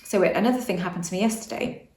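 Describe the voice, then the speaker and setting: A woman's voice: medium pitch, rapid-fire, darkish tone, roomy sound. A woman vlogging about manifestation in a casual, rambling monologue, often restarting and correcting herself.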